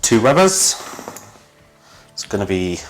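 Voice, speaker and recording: A man's voice: on the low side, very animated, takes it slowly, faint music behind. A man playing a tabletop wargame, talking casually in a terse, matter-of-fact way. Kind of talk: casual game talk.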